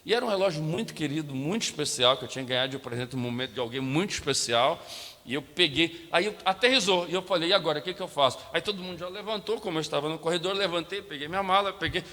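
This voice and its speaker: A man's voice: a little high, fast talker, sharp tone. A male pastor with a Brazilian Portuguese accent telling a story in a sermon, acting out the dialogue and turning often to speak to the congregation. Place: church sanctuary. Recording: long hall reverb from a church sanctuary.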